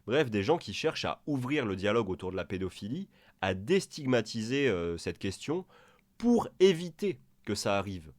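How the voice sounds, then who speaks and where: A man's voice: fairly low pitch, big pitch swings, normal speed, no room sound. A man giving sarcastic reaction commentary, mocking and crude, talking straight to the person in the clip he is answering. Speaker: video commentator.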